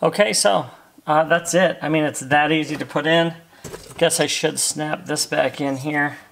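A middle-aged American man hosts a car accessory install video, chatting in an easygoing way while working with his hands inside a parked car. His voice is a little high and a bit bright, with vocal fry and a measured pace. Faint background noise and clicks can be heard.

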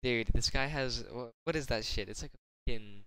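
A man's voice: mid-range voice, normal speed, fairly bright tone, no echo. A teenage man telling a storytime vlog, crude and slangy, swearing constantly and boasting. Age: teens. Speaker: gaming YouTuber.

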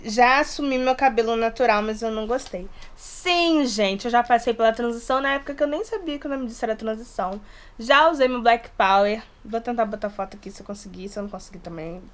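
A Resende-born YouTuber from inland Rio de Janeiro state, in her late twenties, talks to the camera close in front in her small bedroom, her voice a little high. She's chatty and playful with lively hand movements, and her Brazilian accent mixes Rio, São Paulo and Minas.

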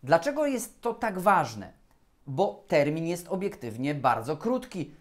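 A man, a lawyer, giving a scripted educational talk on procurement law in a formal, measured and deliberate way. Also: a little high.

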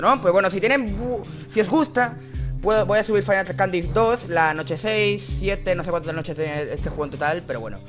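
Playing a horror game, a Spanish-accented commentator from Spain curses nonstop and lets out scared screams. He has a high, reedy voice.

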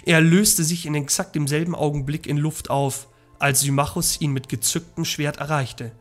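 A man reading a story aloud in an expressive, dramatic way during a game playthrough. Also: fairly high pitch. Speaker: let's play narrator.

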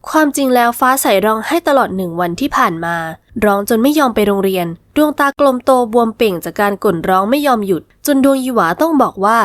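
A woman narrating a romance novel in smooth, scripted storytelling. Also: a little high, animated, fast, few pauses, dry recording, studio quality. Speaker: audiobook narrator.

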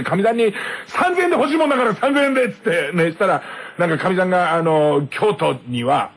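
A man's voice: high-pitched, breathy edge. A man hosting a late-night radio show, telling a rambling, self-mocking comic story and laughing at his own jokes into a studio microphone.

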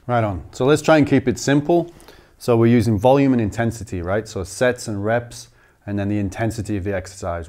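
A man in his thirties, a strength coach, explaining training methodically in an indoor gym. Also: mid-range voice. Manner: steady, methodical listing of figures. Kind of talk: instructional explanation.

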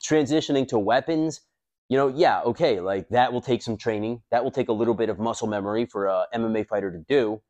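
A man in his thirties hosting a self-defense channel, talking casually and bluntly to camera with lots of fillers and swearing, recorded on a lapel mic in a high-rise room. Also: fast talker, a little mellow, dull audio.

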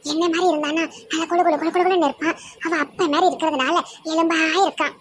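A woman's voice: very high-pitched, steady tone, fast talker, slight background noise. A woman with a Tirunelveli Tamil accent acting in a slang comedy skit, talking in a scolding, gossipy village way. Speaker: comedy sketch performer.

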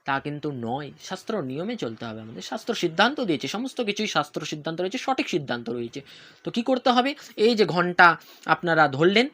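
Devotional teacher, bright clear tone, step-by-step instruction, asks and answers own questions. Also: mid-range voice, sing-song, fast talker. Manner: repeats key points. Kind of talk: instructional talk on worship ritual.

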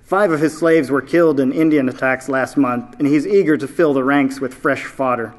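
A man reading aloud, voicing a greedy, loud male slave trader who sneers and yells. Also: mid-range voice, normal speed, close to an everyday voice. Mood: scheming. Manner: yelling, sneering.

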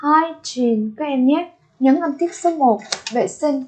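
A woman teaches English vocabulary, repeating each word carefully before she explains it. Her voice sits high and her pace is unhurried. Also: mellow, a little hiss or hum, rough recording. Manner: repeats each word slowly, then glosses it. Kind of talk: vocabulary lesson.

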